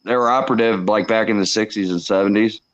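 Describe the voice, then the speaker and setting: A middle-aged man co-hosting a casual political chat, speaking haltingly with frequent restarts. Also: fairly low pitch, fairly even intonation, lo-fi sound. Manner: halting, restarts, agreeing interjections. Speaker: co-host.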